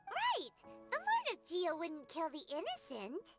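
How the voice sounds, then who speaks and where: Tiny excitable fairy girl, super high squeaky voice, swoops all over, anime game. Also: a little slow, over music, heavily acted. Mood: indignant. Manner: exclaiming, refers to self in third person.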